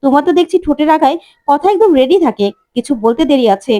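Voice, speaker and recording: A woman voicing a sharp-tongued, sarcastic middle-aged mother-in-law in a soap-opera recap. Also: high voice, fast, lightly acted. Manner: sarcastic, cutting.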